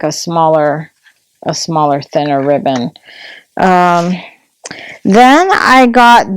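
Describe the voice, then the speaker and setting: A woman's voice: medium pitch, a little mellow, clear, resonant tone, no echo, rough recording. A woman vlogging at home, chatting casually and gushing over a craft haul, sometimes dropping to a whisper.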